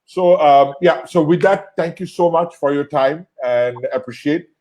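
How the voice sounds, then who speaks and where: A man from Bangladesh hosting an interview show, thanking his guest in a halting way, with many fillers and repeated words. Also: fairly high pitch, a little mellow. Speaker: host. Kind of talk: closing an online interview show.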